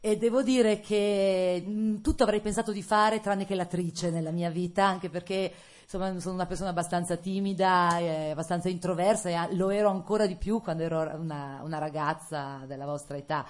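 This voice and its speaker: A woman's voice: lowish voice, fairly even intonation, brisk. A middle-aged woman from Italy, an actress, telling her life story to students in a casual, hesitant way with many fillers and frequent laughter. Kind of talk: casual autobiographical talk to students. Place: lecture hall.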